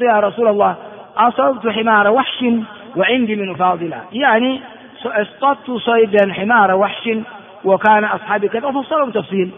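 A man from Ethiopia teaching a religious lesson, reading a text aloud and explaining it phrase by phrase, often repeating himself and filling pauses. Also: high-pitched. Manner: explanatory, repeats and glosses phrases, frequent filler words. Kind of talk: classroom lecture explaining hadith text. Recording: tinny lo-fi recording with long hall reverb.

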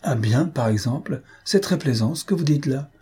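Male reader as a foppish, condescending young dandy, affected and mocking, pitched up and soft. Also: animated, normal speed, husky.

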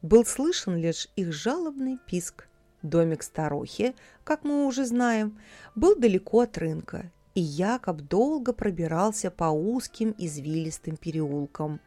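A woman narrating a fairy tale audiobook in a calm, expressive storytelling manner. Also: fairly low pitch, a little slow, dry recording.

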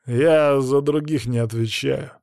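A man puts on a brash male fighter who calls himself the boss, drawling each boast slowly and loudly. He sits a little above a middle pitch, in a dry, close recording. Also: no room sound, natural voice. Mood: irritated.

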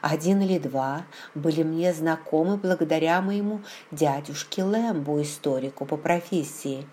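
A woman narrating a novel in the first person, with a measured, expressive reading. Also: low-pitched, a little hiss or hum. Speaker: audiobook narrator. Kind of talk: scripted literary narration.

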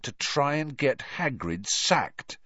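A man's voice: medium pitch, big pitch swings, takes it slowly, a bit bright, no room sound, pitched above the performer's own voice, exaggerated voice. A terse, angry teenage schoolboy, as a male reader puts him on. His words come clipped and tense in dry, slightly dull sound.

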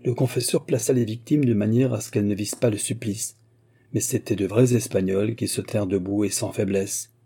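Dark, husky male audiobook narrator. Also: on the low side, fairly even intonation, brisk. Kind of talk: classic literature audiobook narration.

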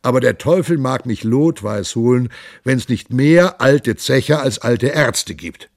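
Brief: male narrator plays jovial drinking monk, loud, gravelly, hearty, audiobook. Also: expressive, measured pace, dry recording, clean studio sound. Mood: boisterous. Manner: loud, hearty, high-pitched boisterous delivery. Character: boisterous hard-drinking man monk, jovial, bawdy. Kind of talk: audiobook character voice.

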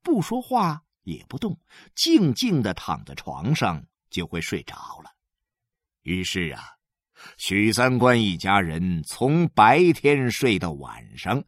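A man reading a novel aloud in an expressive, drawn-out storytelling manner. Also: lowish voice, dry recording, studio quality. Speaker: audiobook narrator. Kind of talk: storytelling narration.

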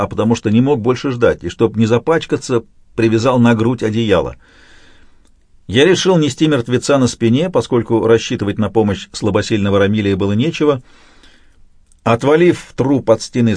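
A man reading a first-person novel aloud as an audiobook narrator, with an expressive, dramatic delivery. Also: dry recording, studio quality. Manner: expressive, dramatic reading with wide swings in pitch.

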